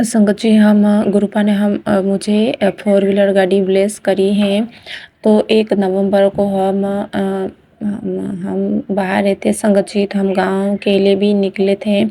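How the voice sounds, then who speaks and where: A woman sharing a devotional testimony with the congregation, halting often, starting sentences over and chanting mantras. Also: medium pitch, vocal fry, dark tone. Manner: halting, with many fillers and restarts, addressing the congregation.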